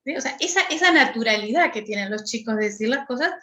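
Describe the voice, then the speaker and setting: A middle-aged woman with a Rioplatense Spanish accent leads an online class, her voice a little high. She explains step by step and keeps checking that her listeners follow. The room sounds echoey around her. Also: lively intonation, quick pace, sharp tone. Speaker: workshop teacher.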